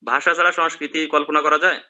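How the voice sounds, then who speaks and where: A man's voice: fairly high pitch, little pitch movement, fast talker, pushed and bright, lo-fi sound. A man from Bangladesh, a teacher giving a class lecture and checking in with his students through questions.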